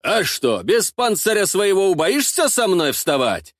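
A man's voice: on the high side, very animated, slow, dry recording, studio quality, exaggerated voice. A man voicing a taunting boastful boyar warrior. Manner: taunting, shouting. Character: boastful, hot-headed male boyar warrior. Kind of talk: audiobook character voice.

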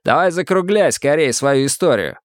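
A man voices a swaggering young army bully who barks coarse, contemptuous slang, pitching his natural voice higher than his own. The fairly high delivery has lively intonation and a moderate pace, recorded dry at studio quality.

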